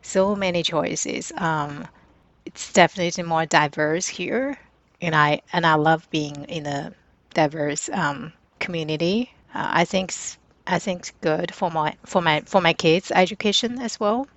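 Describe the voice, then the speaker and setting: A woman in a casual discussion, speaking haltingly with many fillers and non-native grammar. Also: fairly low pitch, dry recording. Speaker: panel guest, parent. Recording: dry, dull lo-fi recording.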